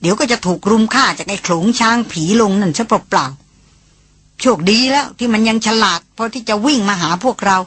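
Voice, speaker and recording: A woman voicing a calm elder brother who placates his quarrelling siblings in an audiobook. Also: mid-range voice, normal speed, breathy edge, dry recording. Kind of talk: audiobook character reading.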